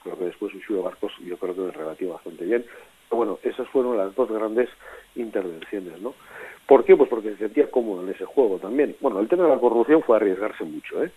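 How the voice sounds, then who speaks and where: A man with a very deep, husky voice weighs in on a radio panel discussion. He talks in a measured, halting way, full of fillers. The sound is thin and phone-like, with a dry, close feel. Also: animated. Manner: measured, hesitant, many fillers. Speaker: radio political commentator.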